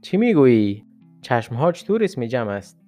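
A man's voice: medium pitch, animated, darkish tone, soft background music, lightly acted. A man voicing a stern male schoolteacher who speaks in a dry, formal way.

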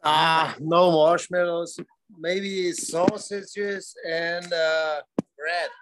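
A man's voice: on the high side, fairly even intonation, extremely slow, background noise. A man with a German accent giving short, hesitant answers in English on a video call from outdoors by a fire at night. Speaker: friend. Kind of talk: casual chat.

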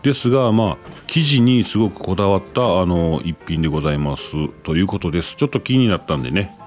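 A man's voice: deep voice, expressive, fast, a little mellow, faint music behind. A man, in his thirties, hosting a casual radio-style talk show and reading listener letters aloud in a chatty, rambling way. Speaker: podcast host.

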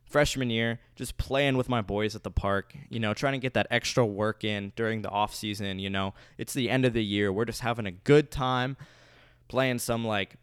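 A young man telling a story in a casual, rambling way, with lots of filler words, frequent swearing and animated outbursts. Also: mid-range voice, clean tone, no room sound, clean studio sound.

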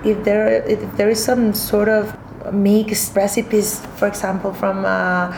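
A woman's voice: medium pitch, flat delivery, measured pace, a little mellow, a little hiss or hum. Woman hosting, in a roomy echo. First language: Spanish. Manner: attentive, frequent agreeing murmurs. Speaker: podcast host. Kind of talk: conversational interview.

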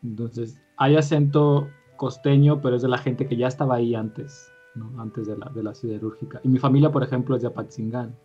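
A man from Michoacán, Mexico, chatting casually and telling animated anecdotes. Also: mid-range voice, a little fast, few pauses, slightly rough, muffled recording, soft background music. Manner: animated storyteller, quotes others. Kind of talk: casual podcast chat.

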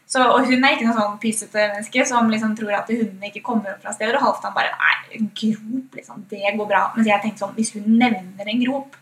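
A woman with a Norwegian accent recounts a story in a chatty, animated way, full of fillers and quoted thoughts. Her voice sits a little high. She is heard from some distance, in a roomy, echoing space. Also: hardly any pauses. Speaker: guest. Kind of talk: casual storytelling.

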